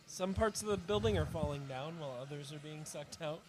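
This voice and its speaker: A man's voice: fairly high pitch, a little fast, darkish tone, a little hiss or hum. A man guesting on a casual movie podcast, loose and swearing casually as he talks. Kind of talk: casual movie-watching chat.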